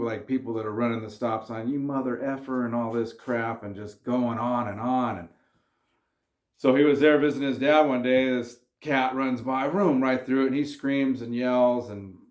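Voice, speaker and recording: A lowish male voice rings out in a reverberant space. He's a vlogger addressing the camera casually, earnest and easygoing with plenty of slang, advising viewers not to lose their cool.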